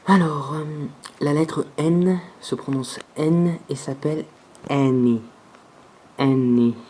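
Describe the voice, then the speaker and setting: Male teacher, unhurried drill of letter sounds, dark relaxed tone, faint background noise. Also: a little high, poor audio. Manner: slow and deliberate, repeating each sound several times. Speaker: language teacher. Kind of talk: alphabet pronunciation lesson.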